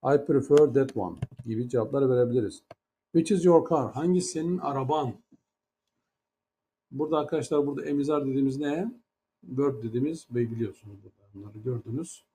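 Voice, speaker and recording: A man's voice: medium pitch, fairly quick, mellow, a little hiss or hum. A man teaching an English grammar lesson in Turkish, with a Turkish accent in English. He explains patiently, step by step, and asks many rhetorical questions.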